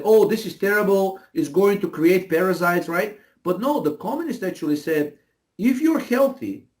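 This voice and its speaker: A man with a Bulgarian accent and a slightly high, somewhat mellow voice appears as an interview guest. He explains things conversationally and emphatically, repeating phrases often and ending points with a quick check that the listener agrees.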